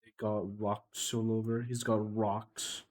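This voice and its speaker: A man's voice: lowish voice, level tone, slow, darkish tone. A man, chatting casually and laughing often while he draws on a live stream. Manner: laughing often, loose and joking. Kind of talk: casual chat while drawing.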